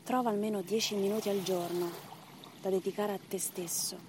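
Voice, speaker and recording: A woman leading a guided breathing meditation as instructor, in short measured phrases and counts with pauses between them. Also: medium pitch, steady tone, noisy background.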